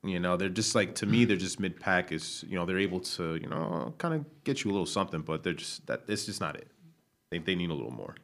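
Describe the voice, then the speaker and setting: A man's voice: low voice, animated, fast talker, creaky, fairly bright tone. A man chatting casually about football, laid-back and full of "you know" fillers, with the odd swear. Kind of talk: casual sports chat.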